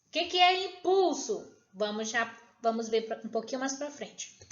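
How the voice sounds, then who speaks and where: A woman teacher talks through a recorded lesson in a high, clear voice. She is patient and keeps checking in with her pupils, and she stretches out each syllable as she sounds it. The room rings with echo, and the sound is a little dull and lo-fi. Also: animated. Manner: patient, checks in with tag questions, slows down on syllables.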